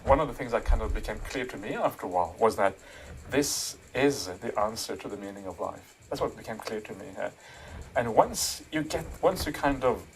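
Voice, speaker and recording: A middle-aged man from Norway, a Buddhist monk answering interview questions thoughtfully, with many pauses and fillers. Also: on the low side, lively intonation, rough recording. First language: Norwegian. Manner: thoughtful, frequent "uh" and "yeah", soft laughs. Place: monastery.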